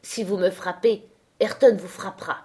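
A woman's voice: medium pitch, fairly even intonation, moderate pace, a little mellow, slightly rough, lightly acted. A woman reading an audiobook, voicing a defiant young woman who throws bold, taunting retorts.

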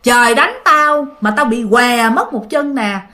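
A woman's voice: on the high side, unhurried, pushed and bright. A woman voicing a boastful, threatening old male demon who haunts a plot of land, in a spoken ghost story. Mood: menacing boast.

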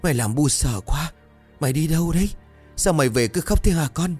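A man voicing a grief-crazed older mother who wails and raves in a high, cracking voice. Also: lively intonation, brisk, a little mellow, breathy edge, soft background music. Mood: deranged.

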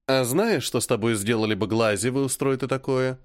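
Cool, scolding older sister, voiced by a man, dry and steady. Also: medium pitch, brisk, no room sound, close to an everyday voice. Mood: stern. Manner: cool, lecturing, sharp.

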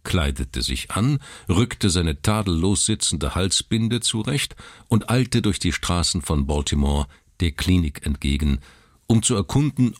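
A man narrating a literary story in a measured, dramatic reading. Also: low voice, dry recording, studio quality.

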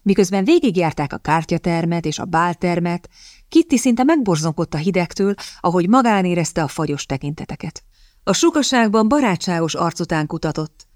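A woman narrating an audiobook in a calm, even reading manner, recorded close to a studio mic. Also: on the low side, no room sound. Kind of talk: scripted narration.

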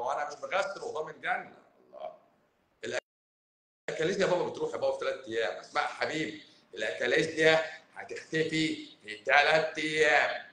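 A man with a Cairene Egyptian accent, a doctor hosting a live stream, talking casually to viewers. He is animated, scolding and joking with them. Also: a little high. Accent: Cairene Egyptian Arabic. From Egypt, Cairo. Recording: roomy echo, faint background noise.

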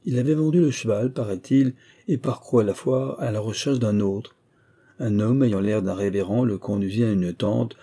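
A man reading a classic novel aloud as audiobook narrator, in a steady, composed manner. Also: lowish voice. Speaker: audiobook reader.

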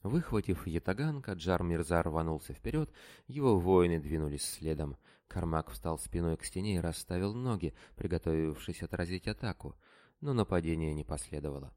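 A man narrating an adventure audiobook in a steady, dramatic storytelling manner. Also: deep voice, moderate pace.

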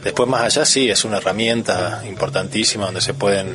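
A man's voice: on the low side, a little fast, fairly bright tone. A man giving a spontaneous, hesitant testimony about radio, full of fillers and restarts. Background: music.

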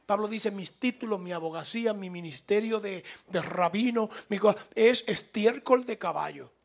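A radio preacher with a high, gravelly voice at normal speed delivers a fervent evangelical sermon. Emphatic and rising in exhortation, he repeats his points for stress and calls on listeners to respond.

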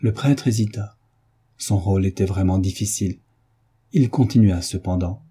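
A man narrating a classic novel in a measured, even reading as an audiobook narrator. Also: sits low, slightly rough. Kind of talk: scripted literary narration.

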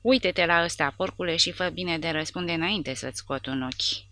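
A woman's voice: on the low side, no room sound. A woman voicing a brutal, mocking male soldier who interrogates prisoners with harsh threats. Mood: menacing. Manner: harsh, sneering, shouting threats.

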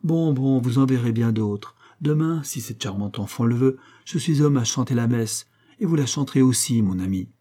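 A man reading aloud voices a composed young nobleman with a calm, dry, gently ironic manner. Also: mid-range voice, normal speed, natural voice.

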